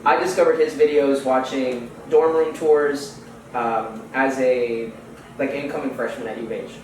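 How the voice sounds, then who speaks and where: Here a Houston native, young and male, drops slang and fillers as a podcast guest in a loose interview conversation. He has a mid-range voice with fairly even intonation and an unhurried delivery. Faint noise and echo come through, since he's far from the mic.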